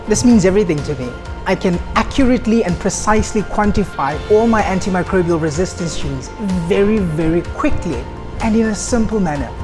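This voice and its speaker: A woman, a university lecturer, giving an enthusiastic testimonial. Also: fairly low pitch. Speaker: associate lecturer. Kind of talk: interview testimonial. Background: background music.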